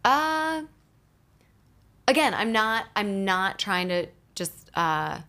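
A woman entrepreneur chatting as a guest in a studio interview, talking fast and loose with plenty of "like" fillers. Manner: chatty, fillers of "like", lively pitch swings. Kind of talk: casual interview chat. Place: recording studio. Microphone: studio microphone.

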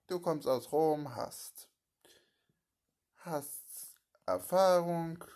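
A man telling a home-made crime audio drama and voicing all its parts, speaking slowly and haltingly with abrupt loud outbursts. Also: medium pitch.

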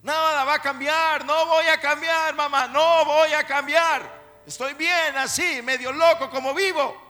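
A man voicing a rebellious young son who shouts back defiantly at his mother. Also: very high voice, fairly even intonation, measured pace, voice pushed up, full character voice. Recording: echoey hall with soft music.

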